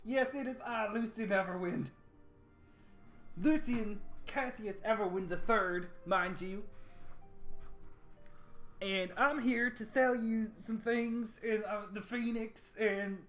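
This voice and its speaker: High booming snooty doppelganger noble, fake friendly, tabletop game voice, music under it. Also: male voice, takes it slowly, long pauses, a bit bright. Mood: gushing. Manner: grandiose, overly chummy, booming. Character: pompous doppelganger nobleman hawking wares.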